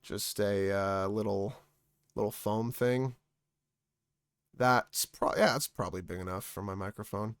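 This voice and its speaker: Gravelly, rambling man streaming from home. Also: lowish voice, measured pace, dry recording. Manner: rambling, trails off and restarts. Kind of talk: casual stream chat. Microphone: studio music microphone.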